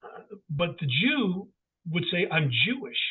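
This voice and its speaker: A man's voice: sits high, very animated, unhurried, husky. A man talking as an author guest in an interview, emphatic and full of restarts. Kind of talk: casual interview talk. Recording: tinny phone-like line.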